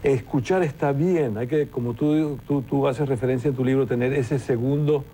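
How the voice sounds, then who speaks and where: There's a little hiss or hum behind this man's warm, mid-range voice as he speaks at a moderate pace. Originally from Venezuela, he's a TV presenter being interviewed, reflectively sharing anecdotes and frequently starting over mid-thought.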